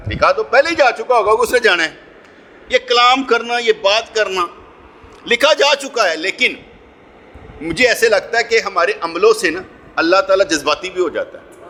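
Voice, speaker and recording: A middle-aged man preaching a Friday sermon with a Punjabi accent. His voice is bright and sits slightly high, and he acts out the voices in his stories, swinging from loud calls to hushed asides. There is a faint hiss of noise behind him.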